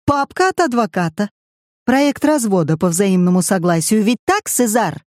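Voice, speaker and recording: A man's voice: high voice, animated, moderate pace, dry recording, studio quality, voice pushed up. A reader putting on a drunk, spiteful man. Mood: sly. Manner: mocking, bitter jabs. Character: drunk middle-aged man, sarcastic and spiteful host.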